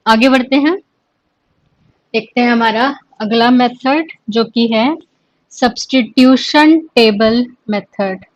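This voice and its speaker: A woman with an Indian English accent teaching an exam-prep English lesson, dictating terms slowly and then explaining them in Hindi. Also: a little high, no echo, lo-fi sound. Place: coaching class or studio.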